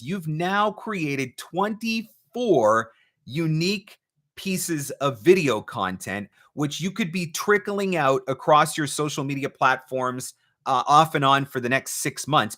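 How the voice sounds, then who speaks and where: In a fairly high, bright, forceful voice, a man hosts a live question-and-answer advice talk. He's a voice-over marketing coach who speaks with coach-like emphasis and leans on rhetorical questions.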